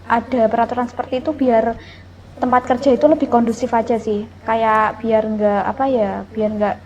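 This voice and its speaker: High-voiced woman, earnest and soft-spoken. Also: little pitch movement, moderate pace, dull audio, a little hiss or hum. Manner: earnest, soft-spoken, ends thoughts with sih. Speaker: office employee guest. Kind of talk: casual podcast chat.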